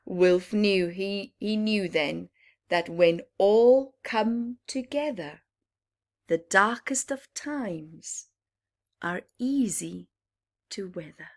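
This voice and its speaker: Reading a picture book to young kids, this medium-pitched woman uses a lively storytime delivery. Dramatic pauses and little asides explaining things for the children run through her reading.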